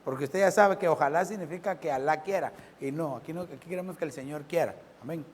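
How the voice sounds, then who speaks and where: A pastor preaching a sermon. He keeps asking the congregation questions and swings between loud and soft. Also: a little high, quick pace, in a large hall, a little hiss or hum.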